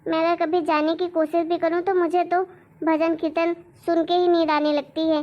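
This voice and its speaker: A woman's voice: extremely high pitch, flat delivery, moderate pace, muffled recording. A woman voicing a vain, stylish young daughter-in-law who talks down to her mother-in-law in a cartoon story. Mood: dismissive. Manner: dismissive, showy, sharp. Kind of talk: cartoon voice acting.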